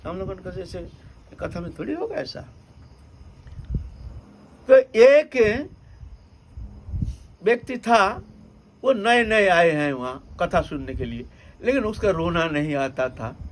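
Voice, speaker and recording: A man giving a devotional storytelling sermon as a spiritual teacher in an ashram, animated and acting out the characters. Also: high-pitched, takes it slowly, pauses often, low-quality recording.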